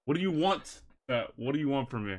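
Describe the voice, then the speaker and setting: A man's voice: medium pitch, lively intonation, brisk. A man streaming live through a voice changer, talking to his chat in a brash, teasing, profane way.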